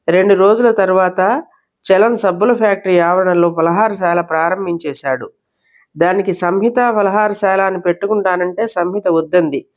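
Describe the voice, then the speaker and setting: A woman storyteller reading a novel aloud with steady, expressive narration. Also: mid-range voice. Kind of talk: scripted narration.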